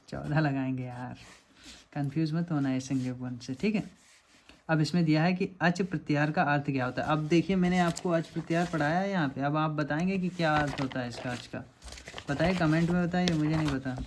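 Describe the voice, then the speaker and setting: A man teaching a lecture, working through quiz questions step by step and often checking that students follow. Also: on the high side. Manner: explanatory, repeats checks like "samajh rahe hain aap".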